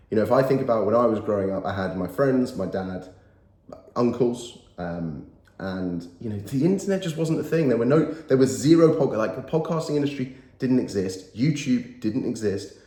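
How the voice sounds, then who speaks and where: Medium in pitch and mellow, this is the voice of a motivational YouTuber in his thirties whose cold has made him nasal. He speaks earnestly and emphatically to camera, repeating key phrases, and the room gives off an echo.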